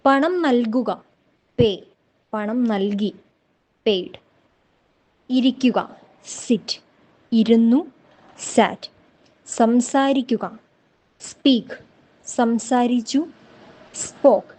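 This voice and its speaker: Slow, deliberate woman drilling words. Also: a little high, fairly even intonation, mellow, rough recording. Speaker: English teacher.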